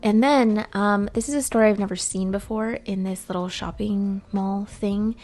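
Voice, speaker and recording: A woman vlogger narrating a shopping trip in a casual, rambling way, her voice a bit rough from just waking up. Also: mid-range voice, steady tone, normal speed, a little mellow. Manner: chatty and rambling, with frequent ums. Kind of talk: casual vlog voice-over.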